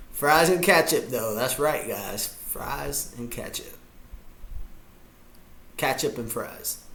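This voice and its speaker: A streamer watching a football game chats goofily to his viewers as he reacts live. His mid-range voice is gravelly and fairly bright, and he speaks extremely slowly with long pauses.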